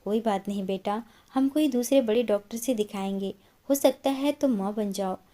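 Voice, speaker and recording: A woman's voice: mid-range voice, normal speed, warm tone, lightly acted. A woman voicing a caring mother. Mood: soothing. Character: caring mother comforting her daughter.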